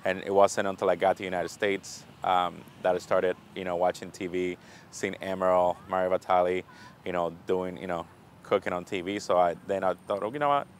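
A man in his thirties talks about his life in a relaxed, candid way, his voice sitting fairly low. He is from the Dominican Republic and speaks with easy fillers, with faint room noise behind him. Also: fairly quick. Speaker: chef and restaurant owner. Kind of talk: casual self-introduction. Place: restaurant kitchen and gym.

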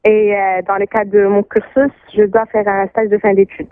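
A woman's voice: medium pitch, level tone, normal speed, dry recording. A young woman student calling in to a radio show, asking politely with hesitant fillers. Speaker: caller, student. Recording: tinny phone line, dry.

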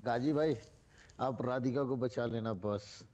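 A man's voice: medium pitch, slow, highs cut off. A man in live voice chat during an online shooter match, swearing and calling orders to his squad. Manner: crude, swears, shouts orders. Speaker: online game player. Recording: game gunfire behind.

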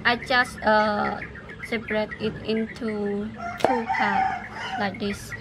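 A woman whose first language is Khmer, host of a cooking show, slowly narrating each cooking step outdoors in simple phrases with pauses and fillers. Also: medium pitch, flat delivery. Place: outdoors in a rural yard. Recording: loud outdoor noise.

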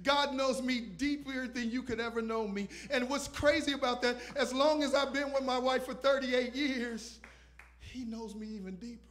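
A man preaching a sermon on a church stage into a handheld microphone, moving between loud shouted lines and quiet asides. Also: extremely high pitch, steady tone, moderate pace. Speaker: visiting pastor. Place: church stage with purple lights.

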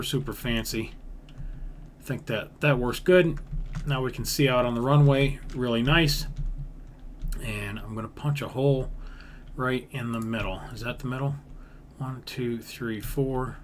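A man with a mid-range voice, speaking at normal speed, provides relaxed commentary while constructing something in a video game. The gaming creator thinks out loud, repeats himself and uses folksy grammar, with typing and background noise in the recording.

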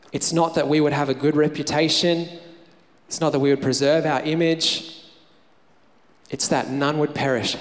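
A man with an Australian accent preaching a sermon as pastor, energetic and emphatic, repeating phrases for effect. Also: mid-range voice. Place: church hall. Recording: church hall reverb.

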